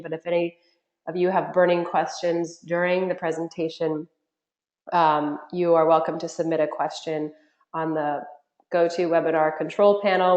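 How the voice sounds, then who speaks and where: Woman, nasal from a cold, lowish voice, friendly webinar host, echoey room over a web call. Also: a little mellow, dull audio. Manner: friendly, chatty, frequent ums. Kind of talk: live webinar presentation. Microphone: computer mic on a web call.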